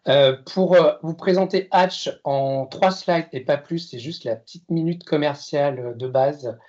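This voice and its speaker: A man's voice: on the high side, unhurried, a little mellow, muffled recording. A man in his fifties from France giving a presentation to an audience, with hesitant delivery, frequent filler sounds and self-deprecating humor. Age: 50s. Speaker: consultant giving a masterclass talk.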